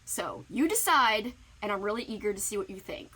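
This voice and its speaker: A woman's voice: mid-range voice, animated, fairly quick, a bit bright, breathy edge, rough recording. A woman booktuber giving playful, giggly book recommendations in a casual recorded message.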